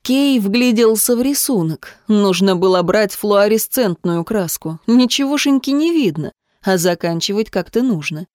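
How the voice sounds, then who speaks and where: A woman reading a story aloud as an audiobook narrator, in a tense, measured manner. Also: mid-range voice, expressive, a little mellow, no room sound, studio quality. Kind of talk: scripted narration.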